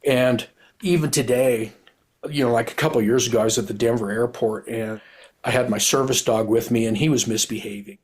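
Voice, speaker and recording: A man's voice: mid-range voice, fairly even intonation, a little fast, breathy edge. Earnest retired cop telling his story. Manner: rambling, earnest, self-correcting restarts. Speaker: guest, retired police officer and author. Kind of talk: candid conversational storytelling.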